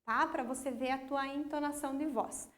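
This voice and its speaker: A woman with a high, bright voice and a Brazilian accent teaches a recorded school lesson. She speaks slowly and patiently, stressing words syllable by syllable so children can follow. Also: steady tone. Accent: Brazilian Portuguese. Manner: slow, patient, emphatic syllable-by-syllable explanation.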